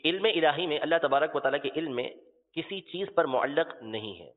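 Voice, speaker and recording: A man delivers a religious lesson in a somewhat high voice, walking through his points slowly and patiently. He restates each example and spells out terms letter by letter. The recording is thin and phone-like, with a long, trailing reverb. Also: expressive. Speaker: religious teacher. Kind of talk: religious lecture.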